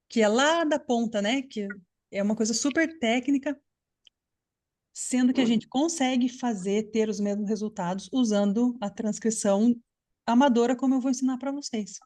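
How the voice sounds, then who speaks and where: Woman teacher, slightly high voice, patient explainer on a video call. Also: moderate pace, a little mellow. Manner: patient, explanatory, checks understanding often. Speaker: English teacher. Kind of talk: live online class.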